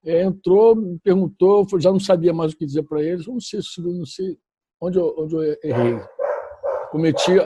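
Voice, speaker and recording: A middle-aged Brazilian man with a high, husky voice gives a personal testimony as a pastor. His tone is warm and mellow, and the recording is dry and close. He is emphatic and repeats phrases as he works his way through the story. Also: normal speed, no room sound. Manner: emphatic, repetitive storytelling with self-corrections. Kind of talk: personal testimony to a church audience.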